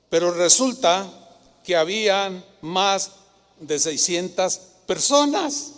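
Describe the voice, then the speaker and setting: A male pastor, preaching a sermon and telling stories with lively rhetorical questions. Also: high voice. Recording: long hall reverb.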